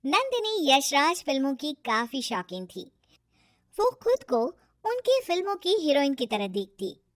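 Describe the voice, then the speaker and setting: High, lively woman storyteller. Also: a little slow, no room sound, clean studio sound. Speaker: narrator. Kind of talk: scripted storybook narration.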